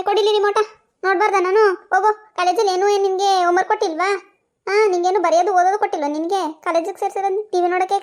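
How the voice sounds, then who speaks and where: A bossy village mother in a cartoon scolds her family in rapid, shrill bursts, voiced by a woman. Her voice sits extremely high and races along. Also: natural voice. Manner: shrill, nagging, quick scolding.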